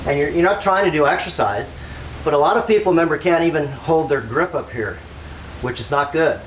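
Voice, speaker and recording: A man's voice: fairly high pitch, brisk. A man giving a casual, rambling exercise demonstration, instructing as he goes and repeating himself. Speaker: workout host. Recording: clearly noisy ambient background.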